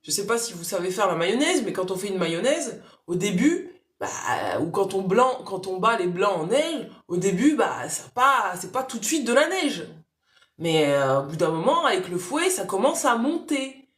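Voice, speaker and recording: A woman's voice: mid-range voice, very animated, moderate pace, roomy sound. A woman giving spiritual readings on a casual live stream, speaking directly and coaxingly to viewers by name.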